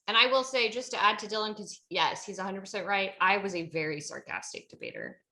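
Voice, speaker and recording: Bright upbeat woman moderator. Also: mid-range voice. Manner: upbeat, candid, self-mocking. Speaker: workshop moderator. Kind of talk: moderating a workshop.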